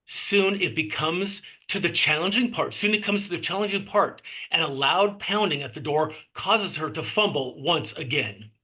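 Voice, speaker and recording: An animated man narrates a screenplay with a fairly high, forceful voice carrying a husky grain. He clips scene headings and delivers stage directions in measured phrases.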